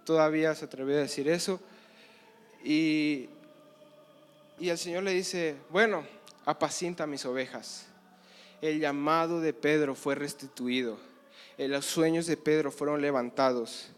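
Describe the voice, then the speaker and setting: A man's voice: a little high, fairly even intonation, normal speed, clean tone. Impassioned young male preacher. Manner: impassioned storytelling, acts out Bible dialogue. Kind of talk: sermon. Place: conference hall.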